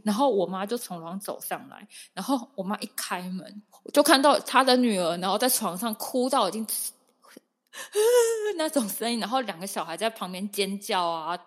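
A woman in her thirties tells a story in relaxed conversation, emphatic and lively, slipping into the voices of the people she quotes. Her voice sits mid-range, and the room behind her rings with a long reverb. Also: medium pitch. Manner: animated, emphatic, acts out quotes. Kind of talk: casual chat, storytelling.

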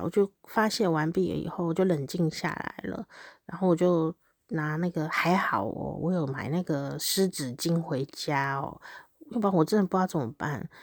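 Woman, 30s, podcast diary reader; lowish voice, candid and animated, dry close sound. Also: dry recording. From Taiwan. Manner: animated and candid, with frequent laughs. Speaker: podcast host. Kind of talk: reading a personal diary aloud.

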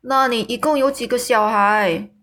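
Woman voicing a soft-hearted weepy giant. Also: a little high, moderate pace, close to an everyday voice. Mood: gentle. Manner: exclaiming, sighing, tearful.

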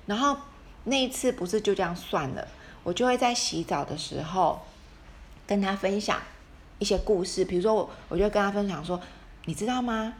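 A woman relates a parenting experience in casual talk, acting out quoted exchanges and frequently beginning her sentences anew. She speaks at a medium pitch and normal speed, and the recording has a little hiss or hum.

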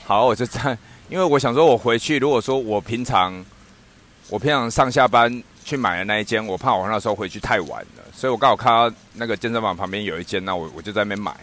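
Animated man telling a funny story. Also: on the low side, quick pace. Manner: animated, laughs often, acts out quoted speech. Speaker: storyteller in a podcast chat. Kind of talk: casual anecdote telling.

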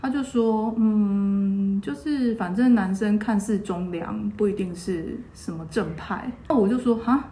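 A woman's voice: a little slow, hardly any pauses, reverberant. A woman in her thirties co-hosting a podcast, retelling a personal story in casual chat and acting out the people she quotes. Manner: lively retelling, acting out quoted voices with pitch jumps. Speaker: podcast co-host.

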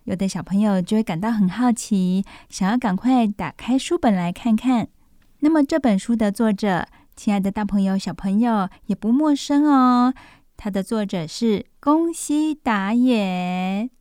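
A woman with a Taiwanese Mandarin accent hosting a children's radio storytime, speaking gently and simply as if reading to a toddler. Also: medium pitch, a little slow, no room sound, clean studio sound. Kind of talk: children's radio presenting, talking to young listeners.

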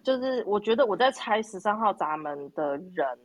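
A woman's voice: mid-range voice, animated, normal speed, dry recording, rough recording. A woman with a Taiwanese Mandarin accent telling anecdotes in casual chat, quoting bits of dialogue as she goes.

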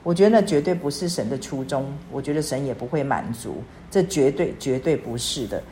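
A woman in her sixties speaks with a low, grounded voice. She teaches in an earnest, pleading way, repeating her phrases as she builds toward prayer. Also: animated, a little fast, dark tone, slight background noise. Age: 60s. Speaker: church speaker. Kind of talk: devotional teaching.

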